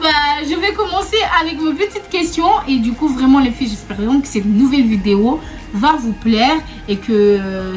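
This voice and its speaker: A young woman from Réunion tells a story to her camera in a loose, chatty way, and her voice sits a little higher than most. She circles back over her own words, laughs easily and keeps talking straight to her followers. Quiet music plays underneath. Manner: chatty and repetitive, often laughing, calls viewers 'mes go'. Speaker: vlogger. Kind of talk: casual storytime chat to camera.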